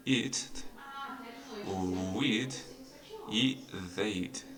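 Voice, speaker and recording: A man's voice: lowish voice, extremely slow, music in the background. A man teaching English grammar in an online lesson. He explains patiently and repeats each example, checking in with his students again and again.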